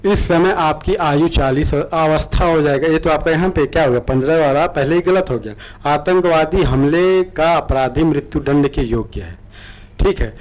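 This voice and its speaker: A man teaching an online exam-prep lesson. He reads the options aloud slowly, then explains them, often checking in with a quick "okay". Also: a little high, low-quality recording. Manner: repetitive, checks in with "ठीक है" often.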